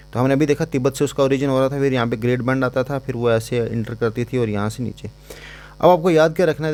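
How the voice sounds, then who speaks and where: A man's voice: medium pitch, a little mellow. A man teaching an exam-prep lecture in a casual, chatty way, repeating points and giving memory codes.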